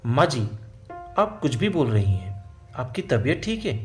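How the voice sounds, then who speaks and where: A man voicing a gentle, respectful young daughter-in-law who pleads softly in a storybook tale. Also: mid-range voice, sing-song, a little slow, soft background music. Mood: pleading gentle. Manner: soft, pleading and polite.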